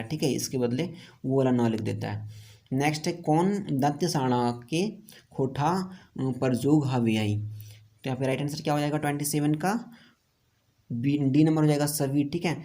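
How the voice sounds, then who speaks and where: A man's voice: medium pitch, dark tone. A man from India with a Jharkhand accent, teaching an online exam-prep lesson and going through quiz answers one by one, asking each question aloud and then answering it himself.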